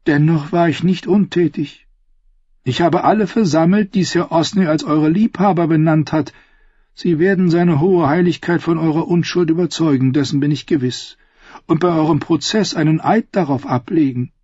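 A man's voice: fairly high pitch, normal speed, darkish tone, dry recording, dull audio, voice pushed up. Man voicing a scheming, cool queen mother. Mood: calculating. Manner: smooth, condescending. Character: scheming older queen mother, coolly composed. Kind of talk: audiobook dialogue.

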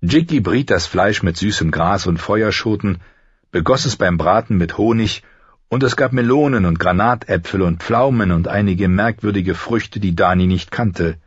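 Male audiobook narrator, husky, lowish, measured delivery, dry dull recording. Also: no room sound. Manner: measured, even storytelling. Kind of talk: scripted narration.

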